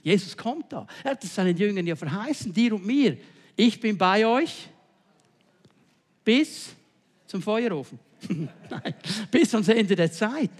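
A man with a high, light voice delivers a sermon. He swings from loud, emphatic declarations to hushed, low-pitched passages. He keeps turning to his listeners with short checking questions. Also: big pitch swings, measured pace, pauses often, in a large hall. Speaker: preacher.

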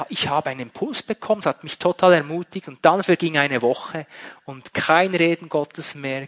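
A man's voice: a little high, a bit bright. A man preaching a sermon, emphatic and full of rhetorical questions.

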